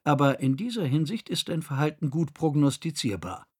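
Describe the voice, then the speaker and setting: A male narrator voicing a nursing machine that speaks quietly, patiently and firmly. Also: fairly high pitch, sing-song, moderate pace, husky. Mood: calm firm.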